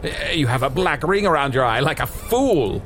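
A man playing a pompous old wizard in improvised fantasy comedy, with grandiose, halting, mock-archaic speech. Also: on the high side, lively intonation, fairly bright tone, a little hiss or hum. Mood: earnest, halting. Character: pompous, theatrical old wizard, male, faking his own death.

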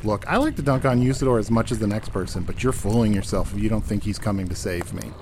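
A man's voice: lowish voice, fast talker, natural voice. A man playing a hapless, sarcastic captive in a fantasy audio comedy, talking in a casual, wry way. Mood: wry, defiant. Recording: clear background noise.

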